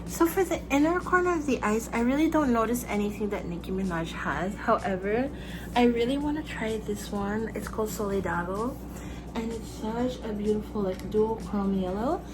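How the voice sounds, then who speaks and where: In a small fairy-lit bedroom, a young woman with a Filipino accent narrates a casual makeup tutorial, bubbly and chatty while putting on her makeup. Her voice runs on the high side, expressive and at normal speed, with background noise.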